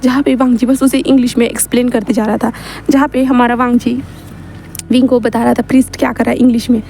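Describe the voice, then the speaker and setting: A woman's voice: a little high, level tone, quick pace, gravelly, warm tone, a little hiss or hum. A woman narrating fan fiction in a casual, chatty retelling with frequent fillers.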